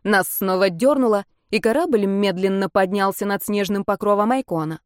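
Female audiobook narrator, measured, expressive, dry close sound. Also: medium pitch, dry recording. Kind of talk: first-person audiobook narration.

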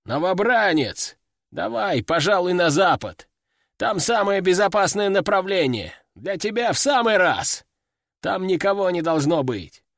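A man voicing a gruff, bossy male army veteran who barks orders and curses at his soldiers, in an audiobook. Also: high voice, big pitch swings, measured pace, a bit bright, no room sound, clean studio sound, pitched above the performer's own voice, full character voice. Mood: curt.

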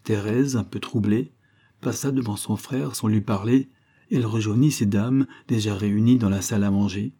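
A man narrates a classic short story in a measured, even reading. His voice sits low and sounds dark and husky, unhurried and steady. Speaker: audiobook reader. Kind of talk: literary narration.

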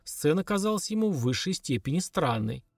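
A man reading a novel aloud in an expressive storytelling manner. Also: fairly high pitch, fairly quick, husky, no echo, clean studio sound. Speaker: audiobook reader. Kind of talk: scripted narration.

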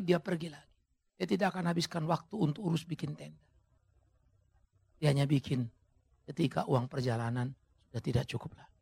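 A male pastor preaching a sermon with dramatic, sudden shouted emphases, speaking straight to his congregation. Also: high-pitched, gravelly, breathy edge. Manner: addresses the congregation directly.

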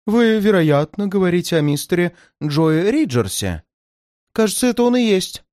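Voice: medium pitch, very animated, normal speed, darkish tone, no room sound, voice pushed up, lightly acted. An obliging hotel doorman in a detective storybook, courteous and deferential as he gives directions, as a reader puts him on. The sound is dry and close.

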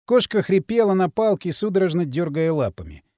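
A man narrating an audiobook in an expressive, dramatic reading. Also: sits high, a little fast, no room sound, clean studio sound. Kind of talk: scripted narration.

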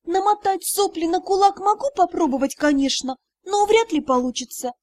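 Flustered young student girl, high and bright, as a woman reads her, dry close sound. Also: moderate pace, dry recording. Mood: wry. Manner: pleading, indignant. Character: flustered young female magic student, tearful, indignant.

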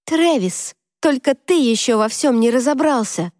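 A woman's voice: fairly high pitch, normal speed, no echo, studio quality, voice pushed up, close to an everyday voice. A woman playing a furious, defiant young woman. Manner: raised, indignant shouting.

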